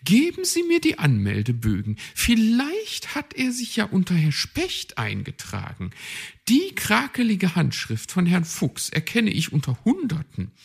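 A man's voice: wildly swooping pitch, measured pace, creaky, breathy edge, heavily acted. A man voicing a proud, bossy female magpie detective in a storybook read-aloud, know-it-all and dismissive. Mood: haughty. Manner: shrill, know-it-all, brushes off objections.

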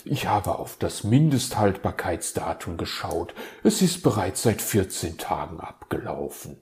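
A man voicing a relaxed, wise old owl uncle who hoots as he talks, in a storybook reading. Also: deep voice, unhurried, full character voice. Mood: cheerful. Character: hooting, laid-back owl uncle, wise.

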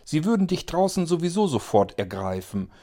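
A man's voice: mid-range voice, very animated, unhurried, voice pushed up. A man reading an audiobook, voicing a blunt, skeptical young woman who argues insistently. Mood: sharp. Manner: arguing, insistent.

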